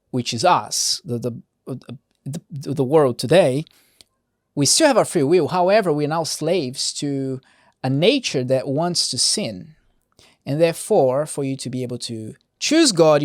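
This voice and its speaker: A man reads Bible verses in a plain, steady way, then drifts into casual commentary with small chuckles. His pitch moves up and down a lot as he talks. The recording is dry and close, with no room sound. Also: no room sound. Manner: hesitant restarts while explaining. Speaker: podcast host reading scripture.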